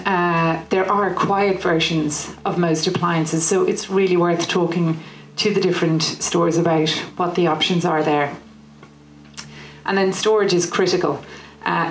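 A woman in her thirties with an Irish accent, giving a practical design talk into a handheld microphone in a kitchen showroom, with many "you know" fillers. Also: fairly low pitch. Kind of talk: presentation to a live audience. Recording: roomy showroom with faint noise.

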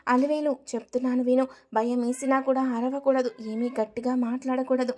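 A woman's voice: high voice, steady tone, brisk, dark tone, close to an everyday voice. A woman reading out the lines of a playful young husband who teases his new bride with mock fear. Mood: teasing. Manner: teasing, mock-fearful.

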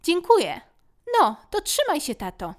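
A boastful young boy from a children's storybook, eager to seem brave and grown-up, voiced by a woman reader. He talks in a raised, lively, bouncing voice. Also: high-pitched, measured pace, pitched above the performer's own voice, exaggerated voice. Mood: cocky. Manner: cocky, eager.

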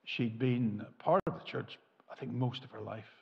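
A man, preaching a sermon from a lectern, gesturing widely and swinging from emphatic peaks to quiet asides. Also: medium pitch, fairly even intonation, moderate pace, gravelly. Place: church hall with a lit tree behind a lectern. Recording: muffled, with long hall reverb.

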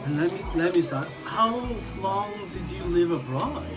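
American guy in his 30s chatting over yakitori, relaxed, tasting food as he talks, music in the background. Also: high voice, moderate pace, poor audio. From Washington DC area, USA. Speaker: YouTuber. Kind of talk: casual chat over dinner. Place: busy yakitori restaurant booth. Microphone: camera on the table.

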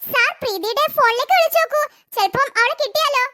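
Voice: lively intonation, fast, pushed and bright, full character voice. A performer doing a scheming office woman. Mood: pleading. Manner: sweet to the boss, low muttered asides.

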